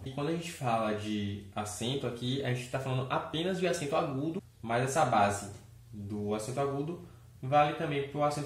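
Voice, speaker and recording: A man teaching grammar in a video lesson, talking in a chatty, upbeat way and often checking in with the viewer. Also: mid-range voice. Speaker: Portuguese teacher. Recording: echoey room.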